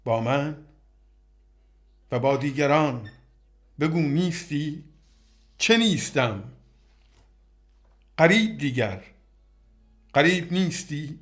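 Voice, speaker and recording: A man's voice: a little high, animated, pauses often, fairly bright tone. Man reciting a brooding two-voice dialogue. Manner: brooding, short questioning exchanges.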